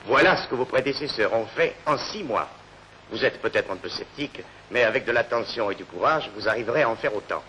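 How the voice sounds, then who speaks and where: A man's voice: mid-range voice, animated, fairly quick, pushed and bright. A man giving a plain, encouraging instructor's speech in a 1950s documentary film. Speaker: plastering instructor. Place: plastering workshop. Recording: faintly noisy 1950s archival film sound.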